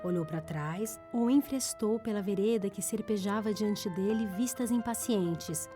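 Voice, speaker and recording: A woman narrating an audiobook in a measured, steady reading style. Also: medium pitch, music in the background.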